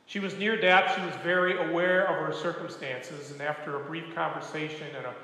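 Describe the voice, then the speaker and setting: An older man, a retired pastor, preaching a sermon with gentle, folksy storytelling and humor. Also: fairly high pitch, fairly even intonation, brisk. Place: church sanctuary. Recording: echoey church hall.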